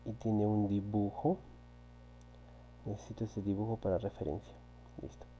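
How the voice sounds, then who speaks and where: A man's voice: fairly low pitch, little pitch movement, moderate pace, mellow, low-quality recording. A man teaching a physics class, patiently repeating key points and often checking with his students. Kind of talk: recorded online class walking through exercises. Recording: faint electrical hum.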